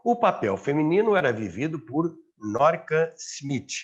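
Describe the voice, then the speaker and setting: Unhurried yet dramatic, this Brazilian host and narrator of a radio history show reads a scripted documentary in a slightly high, breathy voice that swings widely in pitch. His delivery is emphatic. Background music plays under slightly dull audio.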